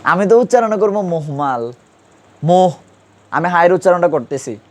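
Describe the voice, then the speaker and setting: This Urdu grammar teacher's voice is high with lively intonation, and he talks fast. He quizzes his class repeatedly in the lesson.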